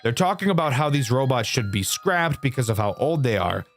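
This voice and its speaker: A young male YouTuber talks through a horror game in a loose, candid review, with swearing dropped in casually. His pitch swings up and down a lot as he goes, over faint music in the background. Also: big pitch swings, a little fast. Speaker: gaming YouTuber.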